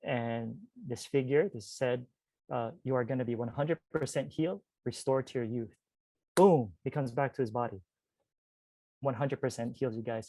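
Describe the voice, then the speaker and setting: A forty-year-old spiritual teacher tells a personal story as a podcast guest, chatty and animated, with frequent asides to listeners full of "like" and "you guys." His voice is medium-pitched and the recording is dry.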